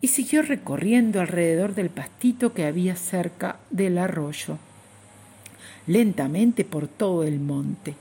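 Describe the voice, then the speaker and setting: A woman's voice: on the low side, slow pace, dark tone, husky. A woman narrating a children's story expressively and speaking directly to her young listeners.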